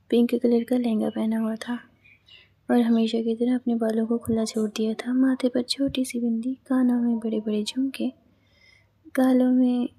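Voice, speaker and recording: A woman narrating a read-aloud story in a plain, even reading with small restarts. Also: a little high, breathy edge.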